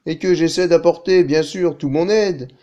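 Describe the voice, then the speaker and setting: A man's voice: a little high, normal speed, warm tone, close to an everyday voice. A man playing an indignant, condescending head of state who lectures workers in a parody news sketch. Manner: haughty, exasperated, lecturing.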